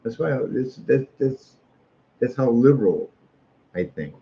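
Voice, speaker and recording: In an unhurried, gravelly, mid-range voice with lively intonation, a middle-aged American street artist wanders through a casual monologue. Folksy and opinionated, he repeats phrases to make his point. Muffled lo-fi audio with faint noise.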